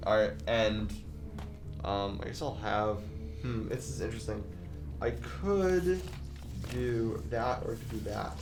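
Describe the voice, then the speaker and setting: A man's voice: mid-range voice, far from the mic. A man plays his turn in a tabletop game, stopping and restarting often as he thinks aloud. His voice sounds roomy, with music running in the background. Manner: halting, many restarts. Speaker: player.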